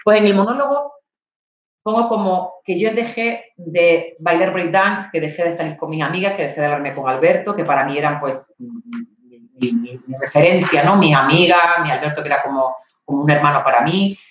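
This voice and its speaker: Woman, nervous storyteller, lively monologue, distant dull lo-fi mic. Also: deep voice, moderate pace, heavy reverb. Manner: lively, acts out scenes, addresses the audience with "¿vale?". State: nervous, coughing. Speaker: speaker at an online talk. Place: home patio.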